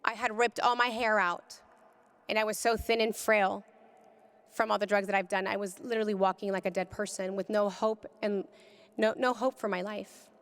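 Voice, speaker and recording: A woman giving an impassioned personal testimony, speaking with deep feeling and rising to cries at its peaks. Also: steady tone, moderate pace, in a large hall. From California. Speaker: pro-life speaker. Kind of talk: emotional testimony talk.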